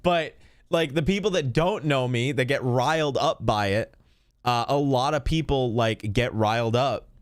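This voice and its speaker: A man's voice: medium pitch, a little slow, no room sound, studio quality. A man reacting on a live stream, chatting casually and rambling, with frequent laughs and swearing.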